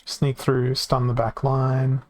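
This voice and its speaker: A man streams a card game from home into a desk microphone, casually thinking aloud and correcting himself, his voice worn from hours of talking. It's medium-pitched, monotone and a little mellow, and he takes it slowly; the recording is dry.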